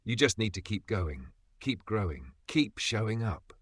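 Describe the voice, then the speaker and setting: A man reading a scripted motivational voice-over as the channel's narrator, with measured, emphatic delivery and dramatic pauses. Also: lowish voice, sing-song, breathy edge, dry recording.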